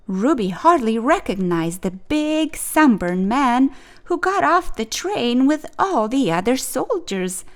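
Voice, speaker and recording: A storyteller with a mid-range voice reads a children's picture book aloud. Her narration is expressive and neatly phrased.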